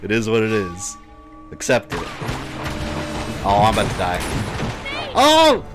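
A man's voice: fairly low pitch, fairly even intonation, moderate pace. A man from Puerto Rico chatting casually and swearing while he streams a game. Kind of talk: live gameplay commentary. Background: game music and gunfire.

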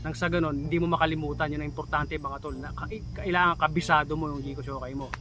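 A man's voice: on the high side, steady tone, quick pace, music in the background. A man in his thirties from the Philippines giving casual advice in a vlog, chatty, with emphatic warnings and a habit of calling his viewers "tol". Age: 30s. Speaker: vlogger giving job interview tips.

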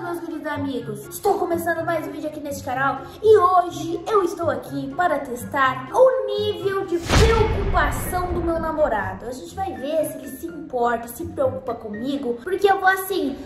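A young woman with a Brazilian accent, chatting playfully to her viewers in a casual vlog. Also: high voice. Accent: Brazilian Portuguese. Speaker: vlogger. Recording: echoey room with music behind.

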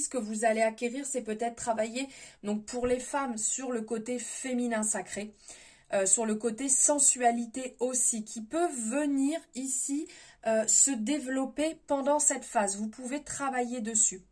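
A woman giving a spontaneous spiritual tarot reading, gentle and advising, often hesitating and restarting her words. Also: on the high side. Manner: hesitant, many fillers and restarts. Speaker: tarot reader.

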